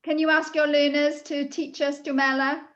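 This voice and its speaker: A woman's voice: high-pitched, flat delivery, moderate pace, a bit bright. A woman hosting an online school event over a video call, prompting participants in an informal way. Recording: dull video-call audio.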